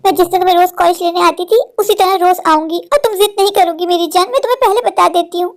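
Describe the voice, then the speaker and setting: A woman's voice: extremely high pitch, quick pace. A woman voicing an anxious, possessive village mother in a cartoon, doting and insistent with her daughter. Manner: doting, insistent, says "meri jaan". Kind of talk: Hindi cartoon voice acting.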